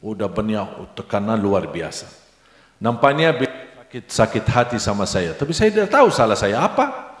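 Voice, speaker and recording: Animated preaching man in an echoey hall. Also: fairly low pitch, normal speed. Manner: animated, acts out dialogue in his stories. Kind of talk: sermon with storytelling. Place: large hall at an Islamic boarding school. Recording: echoey hall with long reverb.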